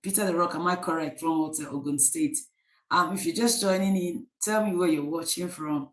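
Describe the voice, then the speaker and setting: Low-voiced Nigerian woman live-streaming. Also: normal speed, reverberant, poor audio. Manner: chatty, greets viewers by name, many fillers. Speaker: livestream host. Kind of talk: casual live-stream chat.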